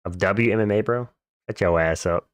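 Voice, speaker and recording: A man with a fairly low voice hosts a casual livestream. He talks like a frat bro, dropping bro and dude as he reads chat and replies. The sound is dry, with very little room on it. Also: normal speed, dry recording. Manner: frat-bro talk, slangy, peppered with bro and dude. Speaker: livestream host. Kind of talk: casual livestream chat, reading out and answering viewer comments.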